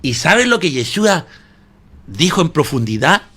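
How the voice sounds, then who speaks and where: Husky, bright, and forceful, this fairly high male voice moves a little slowly yet stays very animated. The man is a pastor preaching with emphasis, frequently saying "hermano" to his listeners and posing rhetorical questions to the audience.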